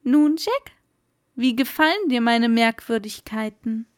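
A woman voicing a sly, jovial old male merman in a storybook reading, with high, loud, lively exclamations. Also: unhurried.

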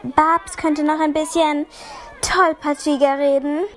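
A woman's voice: high voice, flat delivery, slow pace, a little hiss or hum, pitched above the performer's own voice. A woman voicing an arrogant young actress who talks down to her co-stars. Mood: snooty. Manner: arrogant, condescending. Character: haughty young woman film star.

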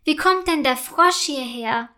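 A woman's voice: high-pitched, unhurried, fairly bright tone. A woman voicing a stern but fair mother who scolds with exasperation.

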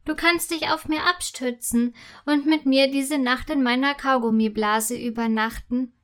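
A woman voicing a small, cheerful female candy cane with a high voice, kind and helpful. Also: steady tone, a little slow.

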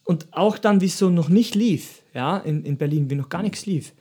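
A man's voice: a little high, moderate pace, mellow, slightly rough. A man from Austria talking in a casual podcast chat, rambling and reflective with many restarts. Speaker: podcast co-host.

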